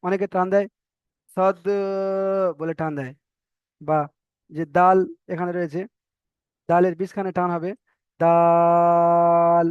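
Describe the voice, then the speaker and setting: A man with a Bengali accent gives a slow, patient lesson on the Arabic alphabet, drawing out each letter sound. His voice is clear and fairly high for a man. The recording is dry and a little muffled. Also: steady tone, dry recording. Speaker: Quran reading teacher.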